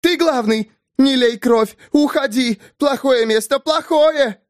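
A shrieking, frantic woman cries out in high, broken bursts. Her voice soars far above his own and jumps wildly, loud and urgent. This is storybook reading with a dry, close sound. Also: animated, slow pace, dry recording. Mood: hysterical. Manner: shrill, broken short cries. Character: frantic wild-haired woman, fearful, simple speech.

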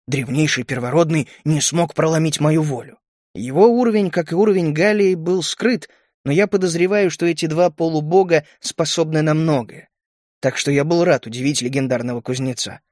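A man reading first-person fantasy narration in a steady, measured way. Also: on the high side, no echo, clean studio sound. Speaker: audiobook narrator.

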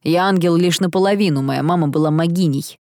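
A woman's voice: on the low side, brisk, a little mellow, no echo, studio quality, close to an everyday voice. A woman voicing a sarcastic, haughty nineteen-year-old half-angel man in an audiobook, with a mocking, flippant manner.

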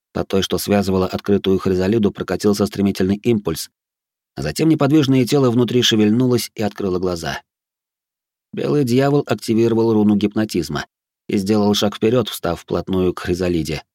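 A man narrating a dark fantasy audiobook in the first person. He reads steadily and with measure in a lowish voice. The recording is close and dry. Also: dry recording.

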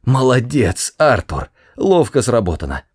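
A man voicing a quick-witted male alien hitchhiker for an audiobook, talking in a raised, quick, coaxing voice. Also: medium pitch, very animated, husky, pitched above the performer's own voice. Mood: scheming.

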